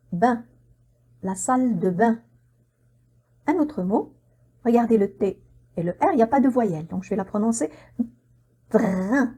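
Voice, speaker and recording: A woman teaching French pronunciation, spelling out words letter by letter and repeating each one slowly and carefully. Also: fairly high pitch, mellow. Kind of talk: slow, careful pronunciation lesson.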